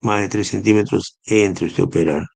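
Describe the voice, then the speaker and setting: A man's voice: sits low, fairly even intonation, normal speed, vocal fry, darkish tone, breathy edge, no room sound. A man giving a recorded neurosurgery lecture, explaining step by step and often checking in with his students. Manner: explanatory, spells out acronyms, asks rhetorical "¿no?".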